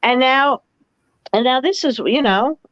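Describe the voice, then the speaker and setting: A woman co-hosting a political talk show, talking in an indignant, rambling, rapid-fire way. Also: high-pitched, highs cut off.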